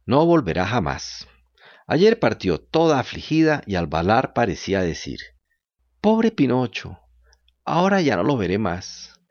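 A man voicing a wise talking cricket who gives calm, moralizing lessons in a storybook reading. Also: medium pitch, a little slow, dry recording, highs cut off. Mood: lecturing.

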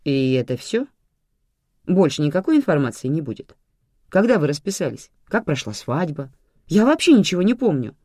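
A woman voicing an angry, bedridden adult daughter in an audiobook, shrill and indignant. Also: sing-song, moderate pace, warm tone, no room sound, clean studio sound. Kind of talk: audiobook reading.

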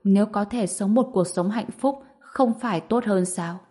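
A woman narrating a scripted story in steady, even storytelling. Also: mid-range voice, normal speed.

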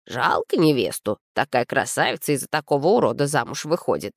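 A woman's voice: a bass voice, sing-song, brisk, gravelly, dry recording, studio quality, full character voice. A woman voicing a gossiping old man in the pews, sneering. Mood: gossipy.

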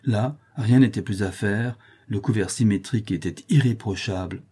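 A man reading a novel aloud as audiobook narrator, measured and expressive. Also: fairly low pitch, slightly rough.

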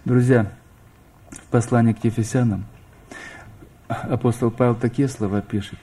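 Preaching to his congregation, a middle-aged man poses questions straight to his listeners and builds his emphasis upward. He has a dark, husky, mid-range voice with fairly even intonation and a moderate pace.

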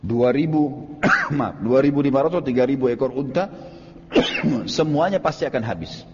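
A man preaching a religious lecture, telling a story in an animated way and speaking directly to his listeners. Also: medium pitch, moderate pace, background noise. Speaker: Islamic preacher. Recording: dull, echoey hall recording.

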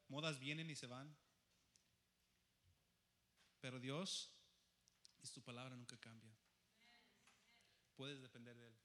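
A young man preaching a sermon, moving between soft pleading and loud, fervent calls. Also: mid-range voice, in a large hall.

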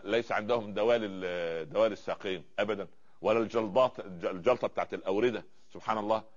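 Egyptian male preacher, rapid lecture delivery, rhetorical questions, muffled lo-fi sound. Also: deep voice. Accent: Egyptian Arabic. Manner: rhetorical questions, fills gaps with drawn-out pauses. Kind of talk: religious lecture.

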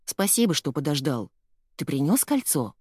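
A woman reading an audiobook, voicing an impatient young boy who speaks in a pleading, excited way. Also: low-pitched, normal speed, slightly rough, no room sound, exaggerated voice. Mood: eager. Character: lost boy stuck young, eager and impatient.

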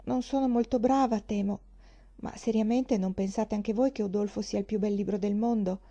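A woman's voice: medium pitch, fairly even intonation, moderate pace, dark tone, dull audio, lightly acted. A woman reading the part of a naive young woman who talks with earnest enthusiasm. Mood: eager.

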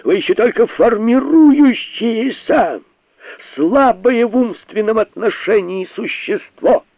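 A man voicing an elderly, irate professor who roars slow, scolding lectures, in a storybook reading. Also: mid-range voice, no echo, lightly acted. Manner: roaring, scolding, deliberate. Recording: narrow tinny radio-like sound.

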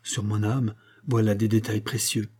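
A man's voice: lowish voice, little pitch movement, moderate pace, darkish tone, slightly rough. A man voicing an upright judge who presses an informant for answers, in an audiobook reading. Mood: pressing. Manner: earnest, pressing questions. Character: upright male city judge, determined.

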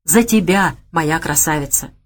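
A woman voicing a boastful, quick-tempered gangster man in an audiobook. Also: low-pitched. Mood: gruff. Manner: gruff, boastful, blustering.

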